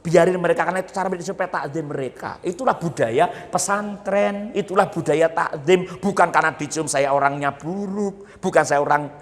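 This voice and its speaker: A man's voice: on the high side, fairly quick, hardly any pauses, in a large hall. A man with a Javanese accent giving a humorous Islamic sermon at a boarding school, teasing the audience as he preaches. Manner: jokey, teasing the audience, mixing Javanese and Indonesian.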